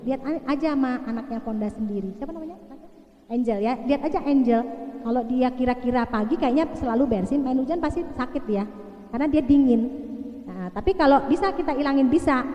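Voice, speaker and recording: A woman's voice: sits high, brisk, dark tone, dull audio. A middle-aged woman pediatrician giving a chatty, reassuring talk to parents and taking their questions. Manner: chatty, reassuring, frequent "ya" tags. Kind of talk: casual lecture with audience Q&A. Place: large hall. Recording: echoey hall, long reverb.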